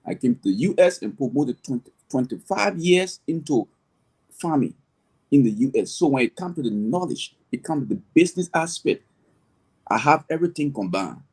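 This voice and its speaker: Very animated, mid-range and a little mellow, this middle-aged man's slightly rough voice comes through poor audio. He farms and owns an agribusiness, and in a conversational interview answer he speaks Liberian English, explaining earnestly at length with frequent restarts.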